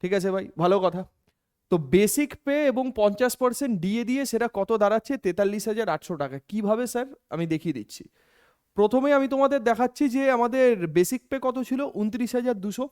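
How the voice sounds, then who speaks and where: A man's voice: high voice, expressive, quick pace, a little mellow, smooth. A man teaching an exam-prep lesson, walking through the figures step by step and putting questions to himself before answering them. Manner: explains step by step, repeats figures, asks and answers his own questions. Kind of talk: classroom-style lecture.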